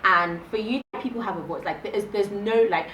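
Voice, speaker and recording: A woman's voice: mid-range voice, normal speed, sharp tone, a little hiss or hum. A woman in a casual group discussion, talking emphatically and growing insistent as she argues her point. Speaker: discussion panelist. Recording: roomy echo, mic at a distance.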